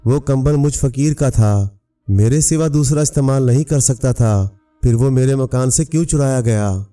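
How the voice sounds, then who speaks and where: A man's voice: medium pitch, normal speed, warm tone, close to an everyday voice. A man voicing a stubborn, solemn poor dervish who defies a king in a storybook tale. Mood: defiant. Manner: defiant, solemn. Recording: distant mic, faint music.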